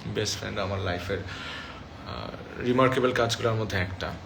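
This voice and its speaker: A man's voice: on the low side, normal speed, gravelly, noisy background. A young man reading fans' comments aloud and answering them in a casual live chat from his room, mixing English phrases into his talk. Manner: chatty, mixes English phrases into speech. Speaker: actor reading fan comments on a livestream. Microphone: phone livestream.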